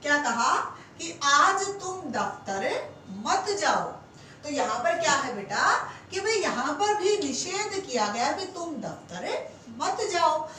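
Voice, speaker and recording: A woman's voice: high-pitched, very animated, bright, forceful tone, very echoey, distant mic, slight background noise, rough recording. A woman teaching Hindi grammar to exam students, answering her own rhetorical questions and calling them "beta". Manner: stretches example sentences slowly word by word. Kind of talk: classroom lecture for exam students.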